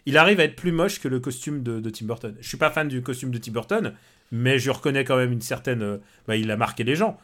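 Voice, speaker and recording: A man's voice: medium pitch, quick pace, a bit bright. A man co-hosting a film podcast in casual chat, hesitant with many fillers and bluntly scornful. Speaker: podcast co-host.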